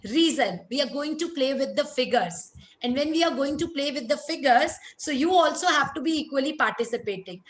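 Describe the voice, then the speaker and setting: A woman's voice: high voice, animated, a little fast. A woman with a North Indian accent giving an interactive webinar lecture, addressing listeners directly and mixing some Hindi into her English. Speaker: lecturer, chartered accountant. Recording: roomy echo, clear background noise.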